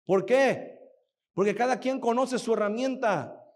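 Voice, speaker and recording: Male pastor, high voice, lively storytelling sermon full of rhetorical questions. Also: measured pace. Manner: animated storytelling, acts out quoted voices; asks the audience frequent rhetorical questions.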